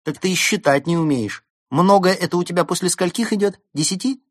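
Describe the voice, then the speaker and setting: A man's voice: mid-range voice, big pitch swings, normal speed, a bit bright, slightly rough, no room sound, clean studio sound, voice pushed up. A man reading a storybook aloud, voicing a bossy, teasing young female fox. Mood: mocking. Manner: mocking, teasing. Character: bossy quick-tongued young vixen.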